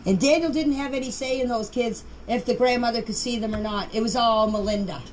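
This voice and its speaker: An older or middle-aged woman with a high voice leaves casual, unscripted voice messages in an online group chat. Defensive and insistent, she repeats herself for emphasis and trips over words and names, recorded noisily on amateur gear.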